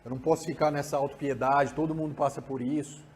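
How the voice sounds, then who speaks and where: Man doing a soft, soothing father. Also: mid-range voice, fairly even intonation, fast, a little hiss or hum, voice pushed down, natural voice. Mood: gentle soothing. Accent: Brazilian. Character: gentle supportive father calming his son.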